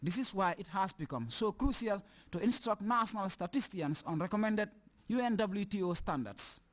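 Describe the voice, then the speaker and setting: A man with a Gambian accent reading a scripted news report in a formal, measured way. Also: sits high, animated.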